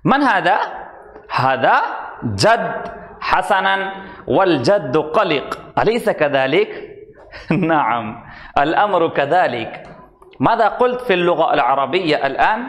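Slow-drilling male Arabic teacher. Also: a little high, big pitch swings, a bit bright, roomy sound. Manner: slow, deliberate drilling, mixing Hindi, English and Arabic phrases. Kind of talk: online language lesson.

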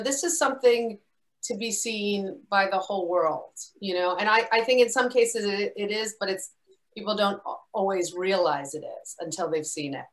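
A woman filmmaker on a video call answers questions in an easygoing way, with a voice of middling pitch. She often stops and restarts her sentences and keeps adding "you know.". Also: rough recording. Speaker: filmmaker guest speaker. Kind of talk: casual Q&A talk.

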